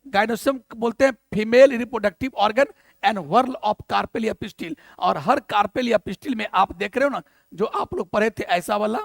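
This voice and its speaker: A male biology teacher with a Bihari Hindi accent lectures in a high, gravelly voice. He keeps quizzing the class and answering himself, and his English terms fall in among the Hindi. The sound is dry and close, with no room around it. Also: a little slow, dry recording. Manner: asks questions and answers them himself, mixing English terms. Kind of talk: classroom lecture on a mind map.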